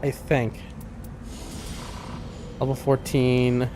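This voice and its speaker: A man's voice: medium pitch, completely flat delivery, very slow, over music. A man who sounds sick, giving casual live gaming commentary, thinking aloud in informal gamer slang. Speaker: video game streamer.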